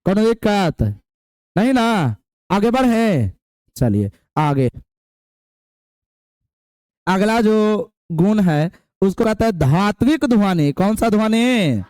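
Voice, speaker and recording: A young teacher in the middle of a class lesson, drilling definitions over and over and calling on students with homely, folksy asides. His voice sits high and comes out smooth and clear. It is recorded dry, with no echo from the room. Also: sing-song, slow pace, pauses often, darkish tone. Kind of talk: classroom lecture.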